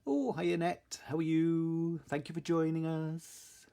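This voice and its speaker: A man's voice: fairly high pitch, completely flat delivery, a little slow, creaky, mellow. A man chatting casually and informally as he hosts a craft live stream. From Salisbury, southern England. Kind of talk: casual live stream chat, greeting viewers.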